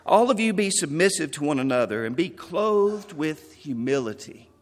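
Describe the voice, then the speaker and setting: Man pastor, measured memorial sermon, slightly high voice, reverberant church sound. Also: animated. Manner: earnest, measured, quoting scripture.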